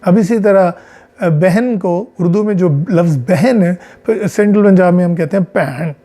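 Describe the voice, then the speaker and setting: A man with a Pakistani Punjabi accent, a psychologist giving an explanatory lecture, talking in a measured way, working through examples and mixing in English phrases. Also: sits high, warm tone. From central Punjab, Pakistan.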